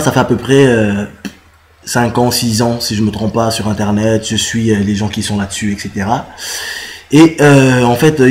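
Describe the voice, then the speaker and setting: A man from the Congo talks straight to the camera about his cause. His is marked, and his speech keeps stopping on fillers and restarts. His voice sits at an ordinary middle pitch. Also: a little mellow, a little hiss or hum. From Republic of the Congo. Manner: halting, many "euh" fillers and restarts. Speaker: musician and citizen activist. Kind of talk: casual direct-to-camera explanation.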